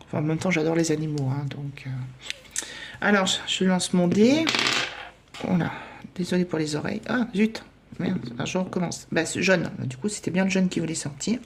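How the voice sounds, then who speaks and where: A woman chatting casually as she fills in savings challenges, hesitating often and counting out loud. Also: on the low side, normal speed, a little hiss or hum. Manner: chatty, self-deprecating, lots of hesitations and counting aloud. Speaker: budget vlogger. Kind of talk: casual chat while doing savings challenges.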